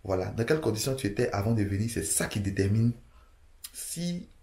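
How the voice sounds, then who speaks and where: Low-voiced Ivorian man, echoey room. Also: expressive, brisk, a little mellow. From Côte d'Ivoire. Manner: hesitant, many restarts and "voilà" fillers. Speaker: vlogger giving immigration advice. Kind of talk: casual advice monologue to camera.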